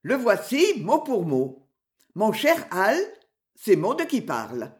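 A woman's voice: medium pitch, wildly swooping pitch, slow pace, a little mellow. A woman voicing a cheerful, teasing teenage boy messenger in a read-aloud story. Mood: cheeky. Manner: teasing, chatty.

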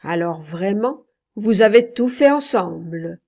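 A woman's voice: mid-range voice, animated, slow pace, gravelly, darkish tone, full character voice. A woman reading aloud gives voice to a bitter, jealous husband, questioning his wife with cutting sarcasm in a storybook reading.

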